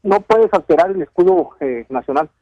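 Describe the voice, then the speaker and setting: A man's voice: high voice, animated, normal speed, muffled recording. A man from Ciudad Juárez, calling into a radio show and rambling casually, with lots of "eh" fillers. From Ciudad Juárez, Mexico. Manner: rambling, hesitant with many "eh" fillers. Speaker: caller, neighborhood committee president. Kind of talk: casual radio call-in chat.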